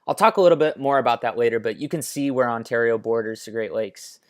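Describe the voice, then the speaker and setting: A man's voice: medium pitch, fast talker. American man casually explaining over maps. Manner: informal, conversational, offhand asides. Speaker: presenter. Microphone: headphone microphone.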